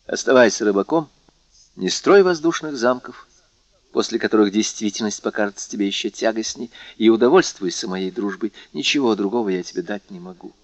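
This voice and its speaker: A man reading a proud, faithful young fisher girl, speaking softly and gravely. The recording is dry and dull. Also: on the low side, lively intonation, fairly quick, no echo. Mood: grave, sorrowful.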